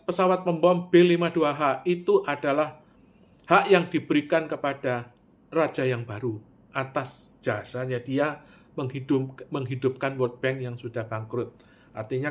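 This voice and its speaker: A man delivering a spoken monologue, swinging from loud, high bursts to low, quiet asides. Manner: animated storytelling, with sudden loud pitch jumps and drops to near-mutter; Javanese words mixed in.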